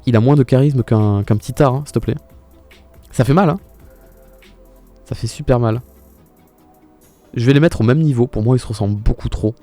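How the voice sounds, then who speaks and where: Young guy streaming, mellow voice, lots of exclaiming, talking back to chat, bit of music in the back. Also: medium pitch, normal speed, long pauses. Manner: exclaiming and answering viewers' chat. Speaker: live streamer. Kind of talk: casual live-stream commentary.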